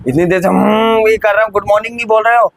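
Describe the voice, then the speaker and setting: A man's voice: high voice, fairly even intonation, quick pace, creaky, a little hiss or hum, low-quality recording. A young man acting a strict teacher in a comic classroom skit, barking repeated orders and scolding. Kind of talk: comic classroom role-play.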